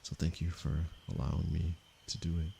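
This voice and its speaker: A man from Canada, a meditation teacher, speaking softly and unhurriedly to viewers of his livestream. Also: sits low, flat delivery, vocal fry, a little hiss or hum. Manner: slow, soft-spoken and unhurried, with pauses. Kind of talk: calm livestream talk to viewers.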